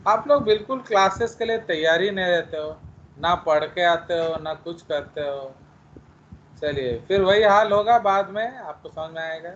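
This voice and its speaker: A male biology teacher giving an online class, explaining slowly, asking students questions and scolding them at times. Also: high-pitched, highs cut off, slight background noise. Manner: scolding, mixing Hindi with English phrases.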